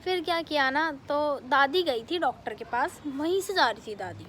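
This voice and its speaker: A young woman vlogger telling a family story in a casual, animated way, with many fillers. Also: high-pitched, a little hiss or hum. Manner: animated retelling, quick bursts, many fillers.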